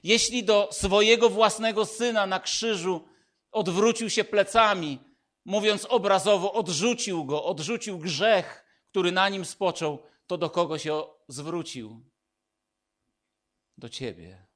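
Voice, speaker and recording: Male preacher, slightly high voice, slow and emphatic, shifts from proclaiming to hushed. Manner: emphatic preaching, swinging between loud declarations and hushed intimate lines. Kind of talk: sermon.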